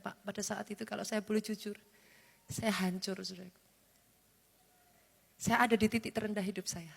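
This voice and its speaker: A woman in her forties preaching a sermon as pastor, telling a personal story in an intimate way, often addressing the congregation and mixing in English phrases. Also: medium pitch. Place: large church hall. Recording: long church hall reverb with music behind.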